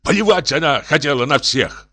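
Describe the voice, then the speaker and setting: A man's voice: animated, fairly bright tone. A man playing a tipsy, wailing professor. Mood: anguished. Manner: high, pleading, slow drawn-out wails. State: drunk. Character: tipsy, distraught middle-aged male professor.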